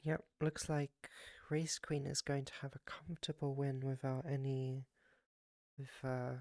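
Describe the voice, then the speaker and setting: A live streamer with a raspy, groggy morning voice chats casually with viewers, rambling with many fillers and restarts. The voice is medium-pitched, monotone and darkish, at a measured pace. It's studio quality with no echo.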